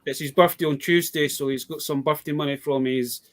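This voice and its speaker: A man's voice: fairly high pitch, steady tone, fairly quick. A man with a British accent chatting casually about toy bargains in a rambling, storytelling way. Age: adult. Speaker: toy collector guest. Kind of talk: casual live chat.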